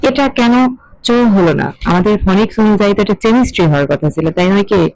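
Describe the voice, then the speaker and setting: A middle-aged woman, explaining an English lesson in a measured, questioning way. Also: medium pitch, animated, darkish tone, dry recording, rough recording. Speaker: English teacher.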